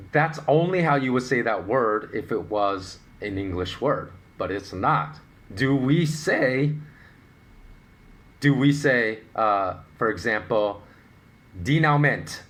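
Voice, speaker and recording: A middle-aged man hosting a solo podcast, explaining his views in an animated, opinionated way with rhetorical questions. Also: mid-range voice. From United States. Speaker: podcast host.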